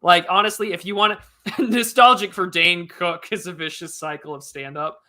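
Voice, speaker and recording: A man's voice: sits high, steady tone, normal speed, sharp tone. A man co-hosting a casual live stream chat, rambling and joking with lots of fillers and restarts. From United States. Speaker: podcast co-host.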